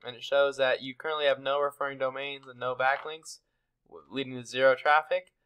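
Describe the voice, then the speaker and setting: A man's voice: mid-range voice, little pitch movement, fairly quick, a bit bright, smooth, low-quality recording. A young man from Texas walking a client through website marketing tips in a casual, friendly screen-share, with fillers. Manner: friendly, conversational, many fillers.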